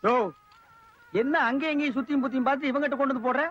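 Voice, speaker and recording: A mocking, bossy fake beggar who snaps insults at everyone in a film comedy. His voice sits very high and sounds bright and forceful. The sound is dull, like an old lo-fi film soundtrack. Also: fairly even intonation, racing. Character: sharp-tongued man posing as a beggar.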